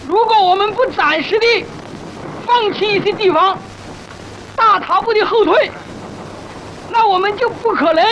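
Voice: very high voice, a bit bright. An actor in an old film playing a resolute revolutionary army commander, giving a solemn, rousing, declamatory speech. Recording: dull old film soundtrack, faint noise.

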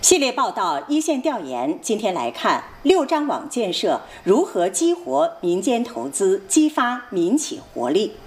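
A woman reading scripted news as a formal television anchor in standard mainland Chinese Mandarin, with a measured announcer delivery. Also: medium pitch, big pitch swings.

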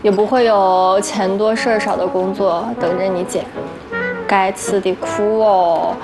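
A woman's voice: medium pitch, steady tone, unhurried, natural voice, rough recording. Actress as a wry young woman over music. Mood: wryly resigned. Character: downcast but resilient young woman, wryly self-mocking. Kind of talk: naturalistic screen drama acting. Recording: loud music behind the voice.

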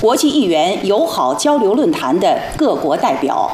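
A female formal news anchor reads scripted news in standard mainland Mandarin. Her voice sits at a middle pitch with lively intonation. The sound is slightly roomy. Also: moderate pace, slight background noise. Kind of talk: scripted national newscast.

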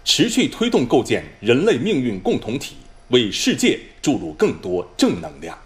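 A man reading scripted news as a formal Chinese news anchor, solemn and measured, in precisely enunciated standard mainland Mandarin. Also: medium pitch, huge pitch swings.

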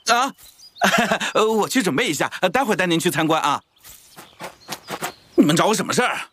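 A man's voice: sits high, lively intonation, normal speed, a bit bright, a little hiss or hum. A man playing a shrewd, fawning small-time salesman in a children's cartoon, talking like an eager hustler. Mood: shrewd, haggling. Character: wheedling, shrewd, fast-talking male small-business hustler. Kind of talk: animated children's cartoon acting.

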